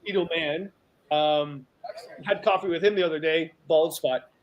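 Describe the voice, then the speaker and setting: A middle-aged man from Canada, a guest on a video call, telling stories in an animated, joking way. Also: a little high, a little slow, highs cut off, a little hiss or hum. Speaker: guest, outdoor writer and teacher. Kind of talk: casual video-call chat.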